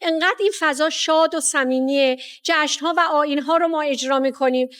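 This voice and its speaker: A woman's voice: high voice, fairly even intonation, a bit bright. A woman with an Iranian Persian accent, a teacher, giving formal, articulate interview answers.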